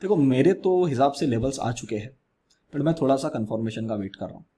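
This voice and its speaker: A man with an Indian accent hosting a weekly market analysis, talking in a measured, explanatory way and speaking softly into a close mic. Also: mid-range voice, expressive, slightly rough. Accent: Indian English. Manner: measured, explanatory, mixes English phrases into Hindi. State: speaking softly due to ear injury. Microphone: close mic with gain raised.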